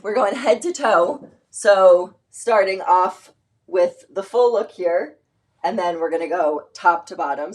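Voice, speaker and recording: A woman's voice: fairly low pitch, a little mellow. A woman hosting a casual live shopping stream, chatty and rambling with lots of fillers as she shows clothes.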